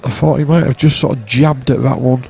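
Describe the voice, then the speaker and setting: Man, low, dark gravelly voice, teasing snooker commentator, club stream. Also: fairly even intonation, a little fast. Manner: wry, teasing, chatty. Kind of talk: relaxed live sports commentary.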